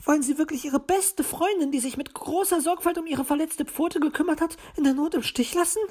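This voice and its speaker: A woman's voice: very high-pitched, steady tone, normal speed, pitched above the performer's own voice. A fretful female magpie. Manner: tremulous, hesitant.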